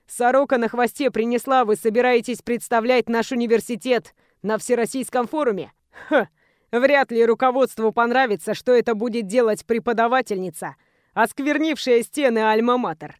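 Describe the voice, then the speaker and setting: A woman's voice: a little high, moderate pace, dry recording, studio quality, voice pushed down, natural voice. A woman reading an audiobook, voicing an arrogant, crude young male student who sneers and taunts. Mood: sneering threatening.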